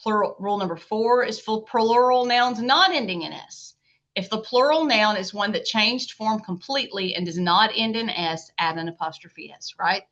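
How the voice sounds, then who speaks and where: A woman's voice: mid-range voice, moderate pace, fairly bright tone. A middle-aged woman teaching a recorded grammar lecture in a chatty way, often checking in with "okay?" and "right?". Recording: dull lo-fi lecture audio.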